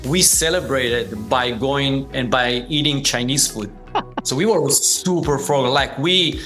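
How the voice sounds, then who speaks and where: This Israeli-accented man in his forties, a native Hebrew speaker who founded a business, chats through his story as an interview guest on a podcast. His medium-pitched voice is a bit bright and unhurried, and faint music plays behind him.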